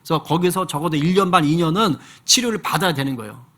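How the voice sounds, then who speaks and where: A male pastor preaching with a fairly high voice, speaking to his church like he is telling a friend a story. He asks the congregation questions as he goes and stays relaxed and direct. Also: quick pace. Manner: conversational storytelling with rhetorical questions. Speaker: senior pastor. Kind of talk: sermon.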